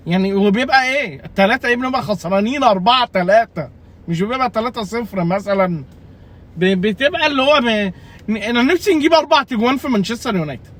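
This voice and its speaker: A man's voice: sits high, lively intonation, very fast, fairly bright tone. A young man with an Egyptian Arabic accent, ranting casually and jokingly about his fantasy football team, exasperated and repeating himself. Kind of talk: casual comedic rant.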